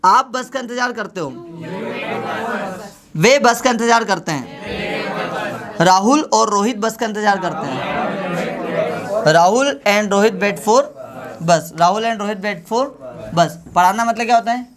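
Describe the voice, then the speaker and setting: A woman teaching an English grammar drill, repeating each sentence slowly and calling her pupils kids. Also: mid-range voice, crowd noise. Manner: slow, repeating each sentence for the class to echo; scolds pupils fondly as kids. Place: classroom full of students. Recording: classroom with a loud chorus of students. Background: students chanting answers.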